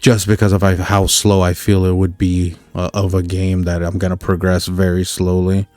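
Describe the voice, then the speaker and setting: A man's voice: low-pitched, monotone, moderate pace, a little mellow, no room sound. A man co-hosting a podcast, chatting casually about video games in a rambling way with many fillers and restarts. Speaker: podcast co-host.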